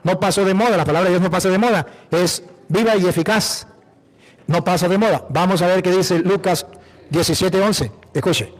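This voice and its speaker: A priest from Venezuela with a Venezuelan accent, preaching emphatically, repeating phrases and asking rhetorical questions. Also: male voice, sits high, normal speed. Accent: Venezuelan Spanish. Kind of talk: apologetic preaching.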